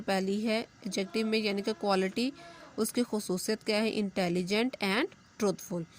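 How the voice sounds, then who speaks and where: A woman, a school English teacher giving a recorded lesson, patiently explaining step by step and reading English examples slowly. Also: mid-range voice, a little hiss or hum. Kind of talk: recorded class lesson explaining grammar and homework.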